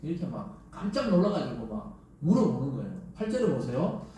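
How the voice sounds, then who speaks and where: A man's voice: a little high, sing-song, fairly quick, mellow. A man preaching a Sunday sermon as pastor, telling the story vividly and acting out the voices of scripture. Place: church sanctuary. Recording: echoey church hall, distant mic.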